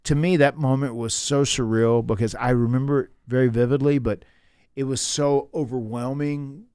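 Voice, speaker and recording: A man in his fifties, a pro wrestler telling stories in a casual interview, animated and full of restarts and fillers. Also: mid-range voice, moderate pace, clear, resonant tone, dry recording, clean studio sound. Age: 50s.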